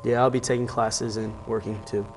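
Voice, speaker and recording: A man's voice: mid-range voice, flat delivery, a little fast, distant mic, a little hiss or hum. Young male student sports anchor. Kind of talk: college newscast delivery.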